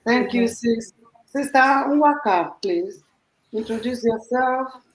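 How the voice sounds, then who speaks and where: A woman's voice: on the high side, takes it slowly, a little hiss or hum. Woman host in an echoey room. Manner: earnest, repeats and rephrases points. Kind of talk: hosting an online panel, then giving a motivational talk. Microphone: video call.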